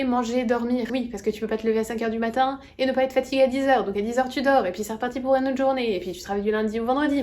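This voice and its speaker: A woman's voice: fairly high pitch, a little mellow. French woman vlogging, chatty, rambly, keeps fixing her words. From France. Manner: chatty, rambling, self-correcting. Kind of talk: casual vlog chat.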